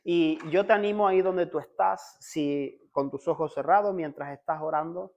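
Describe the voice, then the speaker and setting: A Spanish-accented man with a high, light voice leads a church in prayer. His delivery is fervent and pleading, and he keeps returning to short repeated calls to the Lord. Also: normal speed, creaky, darkish tone, highs cut off. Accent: Spanish (Spain). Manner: fervent prayer, repeating "Señor" constantly, rising to urgent pleading. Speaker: pastor. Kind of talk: leading a congregation in prayer.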